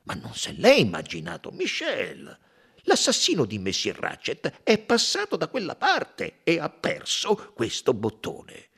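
A man's voice: on the high side, huge pitch swings, measured pace, vocal fry, bright, forceful tone, husky, voice pushed up, exaggerated voice. A man doing an insistent railway director. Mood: probing. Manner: hesitant "eh" fillers, probing. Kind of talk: audiobook reading.

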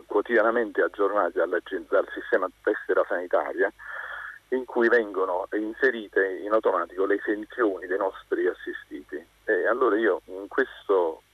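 A man with a very deep, husky voice calls into a live radio show, and he is heard over a tinny phone line. He speaks earnestly and methodically, going through his concerns point by point. The line sounds close and dry. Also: normal speed, dry recording. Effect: heard over a telephone line. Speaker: radio call-in caller, family doctor.

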